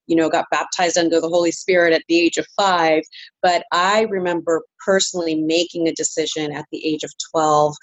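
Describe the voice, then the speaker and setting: A woman from San Francisco speaks as an interview guest, earnest and reflective, with frequent "um"s and "you know"s. Her voice sits somewhat low. The recording is dry with no room sound. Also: dry recording. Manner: earnest, reflective, many fillers. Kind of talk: interview answers.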